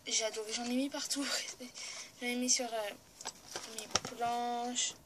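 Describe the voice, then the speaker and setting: A woman's voice: a little high, steady tone, unhurried, very noisy. Chatty young-sounding woman over crinkling packaging. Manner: chatty and enthusiastic, often correcting herself and apologizing. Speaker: vlogger showing her purchases. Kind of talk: casual haul video. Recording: loud crinkling of packaging and clicks close to the mic.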